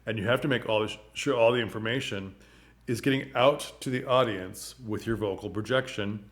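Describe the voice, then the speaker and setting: A man talks to camera into a microphone, emphatic and expressive, leaning hard on key words. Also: lowish voice, moderate pace. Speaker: vlogger and performing arts commentator. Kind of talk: casual talk to camera.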